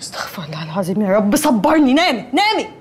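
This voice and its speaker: An actress with an Egyptian accent playing a bossy, sharp-tongued young woman in a sitcom, bickering sarcastically. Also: mid-range voice, very animated, rapid-fire, slight background noise, lightly acted. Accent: Egyptian Arabic. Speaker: sitcom character. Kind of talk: sitcom acting.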